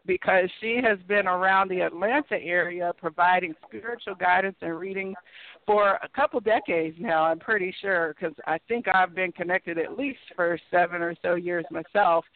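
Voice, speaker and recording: A woman with a lowish voice hosts a call-in psychic talk show at a moderate pace, keeping things chatty, upbeat and casual. The recording is dry, coming through a tinny phone line.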